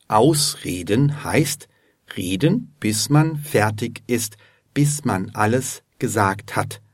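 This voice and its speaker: Slow, measured male language teacher. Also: fairly low pitch, no echo, studio quality. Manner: measured, clear and explanatory, spells out words letter by letter. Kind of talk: scripted explanatory narration.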